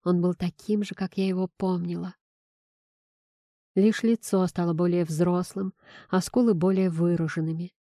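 A woman reading a first-person audiobook in a steady, measured storytelling manner. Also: on the low side, no room sound, clean studio sound. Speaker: audiobook narrator.

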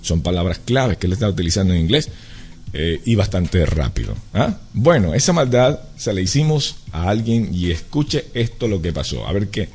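A man's voice: deep voice, big pitch swings, normal speed, darkish tone, slightly rough. A man hosting a live radio show, talking animatedly and directly to listeners and repeating his points. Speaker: radio host. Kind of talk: chatty live radio talk.

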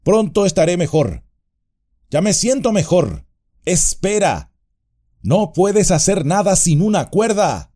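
A man's voice: high voice, sing-song, takes it slowly, mellow, pitched above the performer's own voice, full character voice. A man voicing a young male hobbit in peril, calling out in a raised voice. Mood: urgent.

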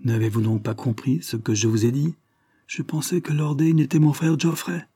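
A man's voice: mid-range voice, flat delivery, moderate pace, mellow, husky, voice pushed up. A man voicing an anxious shaken noblewoman. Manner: urgent, questioning.

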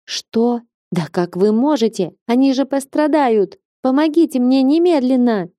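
A woman reading an audiobook and voicing a squeaky, hot-tempered young woman who is shrill and indignant. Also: expressive, unhurried, warm tone, dry recording, studio quality.

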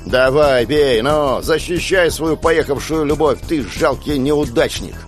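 A furious, mocking villain, as a male narrator puts him on in a dramatized audiobook, bellowing insults from high in his voice with menace. Music swells behind him throughout. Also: takes it slowly, natural voice. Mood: raging taunts. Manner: shouting taunts.

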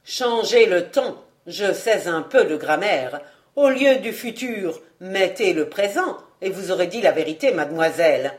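A woman reading aloud, voicing an insolent male valet who speaks calmly and mockingly. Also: fairly low pitch. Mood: ironic. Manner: mocking, unhurried, calm.

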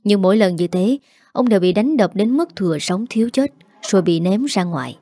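A woman narrates a story in a calm, steady manner. Her voice is warm and mellow, recorded dry and close with no room sound. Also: medium pitch, brisk, dry recording.

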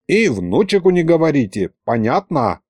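A man voicing a calm, crafty old grandfather who drawls in folksy speech. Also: on the high side, normal speed, slightly rough, no echo.

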